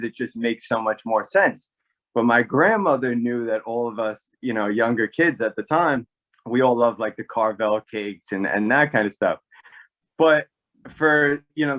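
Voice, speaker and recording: A man from New York telling a family story casually, animated and full of fillers. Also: medium pitch, lo-fi sound. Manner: animated, rambling with many fillers. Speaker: podcast guest, actor.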